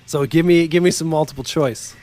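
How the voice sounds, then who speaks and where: A man's voice: on the high side, steady tone, a little mellow, dry recording. Laughing man hosting a quiz game. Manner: laughs often, teasing, reads lyrics in a slow dramatic voice. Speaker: podcast co-host. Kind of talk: casual game chat.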